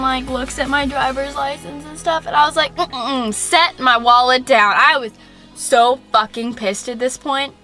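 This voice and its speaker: A young woman recounts a story for her vlog in a chatty, indignant rush, filling her sentences with "like." Her voice sits high and sounds bright and sharp, with soft music playing faintly behind her. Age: young adult. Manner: chatty, heavy use of "like". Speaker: vlogger. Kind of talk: casual story-time vlog.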